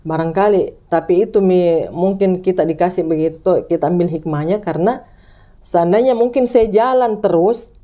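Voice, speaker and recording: A woman from Indonesia shares a ghost story informally, speaking at normal speed in a mellow voice. Her telling is rambling and full of restarts, and she acts out the characters with high-pitched voices.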